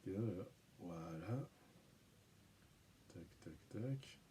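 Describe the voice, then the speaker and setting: A man talks casually through an unboxing at home, his voice low and mellow. He rambles, jokes at his own expense and mutters or hums while fiddling with the items. A faint ambient hiss sits under the recording. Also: expressive, very slow. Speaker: video channel host.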